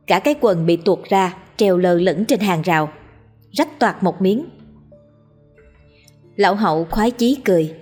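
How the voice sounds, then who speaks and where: A woman narrating a scripted audiobook story in a lively comic way. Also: mid-range voice, slightly rough.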